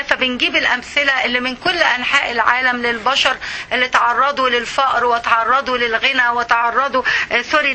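A woman's voice: high-pitched, pushed and bright, slight background noise. A woman with an Egyptian Arabic accent, giving a religious lesson to a women's circle in an impassioned way, full of rhetorical questions. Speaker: religious teacher.

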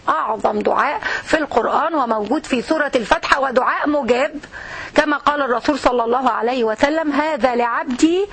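An Egyptian woman teaches a religious lesson, her voice set high and her words coming quickly. She talks earnestly and straight to the women listening. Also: vocal fry, a bit bright, slightly rough. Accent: Egyptian Arabic.

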